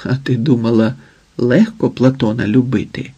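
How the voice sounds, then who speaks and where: A man's voice: mid-range voice, fairly even intonation, moderate pace, mellow, slightly rough, lo-fi sound. A man voicing an anxious grown daughter who murmurs nervously, in a storybook reading.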